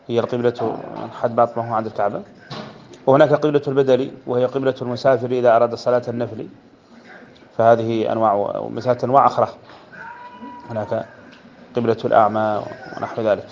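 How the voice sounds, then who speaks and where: A man's voice: mid-range voice, little pitch movement, a little mellow, lo-fi sound, a little hiss or hum. A man from Mauritania, teaching a religious lesson by explaining a poem line by line. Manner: slow measured chanting of verse, then brisk explanation. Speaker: Islamic scholar teaching a text.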